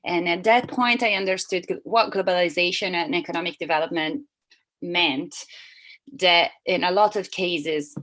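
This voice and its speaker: A woman with a slightly low voice interprets a seminar talk as it happens. She speaks in a halting way, often breaking off and correcting herself as she searches for the next words. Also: steady tone, a bit bright, rough recording. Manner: halting, with frequent restarts and self-corrections. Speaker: simultaneous interpreter.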